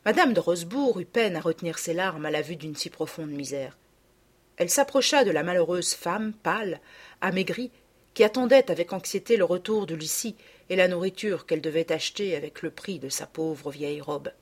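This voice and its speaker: Woman calmly narrating a children's classic. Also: lowish voice, moderate pace.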